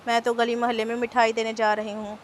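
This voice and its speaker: A woman reading the lines of a respectful, cheerful household maid in a storybook novel, in a flat, even reading voice. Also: fairly high pitch, fast talker, a little hiss or hum, lightly acted.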